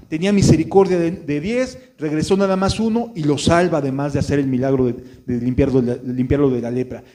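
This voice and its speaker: A man's voice: mid-range voice, dark tone, poor audio. A man preaching an earnest sermon, pleading with the congregation and asking rhetorical questions.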